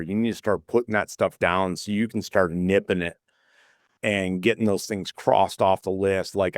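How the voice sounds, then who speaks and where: A man co-hosting a motivational talk, earnest and full of fillers and restarts, a little hoarse as he loses his voice. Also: low voice, no echo, clean studio sound. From California. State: losing his voice a bit. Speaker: podcast co-host.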